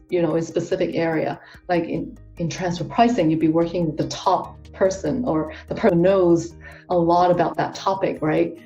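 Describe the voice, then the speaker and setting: A tax professional from Hong Kong, appearing as a guest, answers interview questions casually and chattily, with many fillers, restarts and self-corrections. Her voice is a little low and mellow. The recording sounds dull and muffled, taken from some distance off the mic, with faint music behind her.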